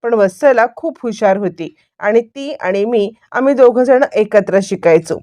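A woman's voice: unhurried, no echo. A woman narrating a recap of a television serial episode, retelling the scenes as a story and lifting her voice when she acts out the characters' lines. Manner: animated retelling, raising her pitch for quoted dialogue.

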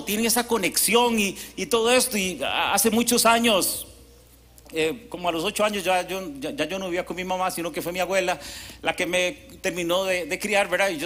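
A male pastor, preaching a sermon at a church service as a lively storyteller who acts out quotes and asides. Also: sits high.

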